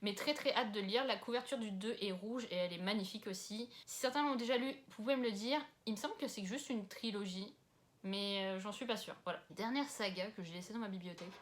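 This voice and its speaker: Casual book-vlog host, a young woman from France, middle pitch, chatty and self-mocking, lots of fillers. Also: a little fast. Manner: chatty, self-deprecating, many fillers and asides. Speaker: book vlogger. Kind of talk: casual chat about books. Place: at home with books.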